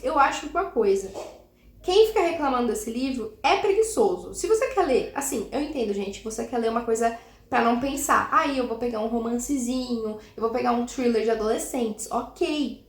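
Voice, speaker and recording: A young woman chatting casually about a book she is reading, talking in quick bursts full of restarts. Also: fairly high pitch. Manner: chatty, animated, many restarts and laughs. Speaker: book vlogger. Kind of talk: casual book review chat. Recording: echoey room.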